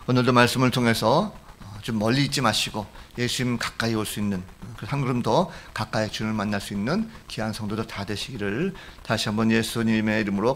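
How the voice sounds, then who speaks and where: Middle-aged pastor guy preaching, tells funny stories, does the voices of people in them, normal pitch. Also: a bit bright. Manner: storytelling with jokes, acting out quoted voices. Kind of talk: sermon. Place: church sanctuary.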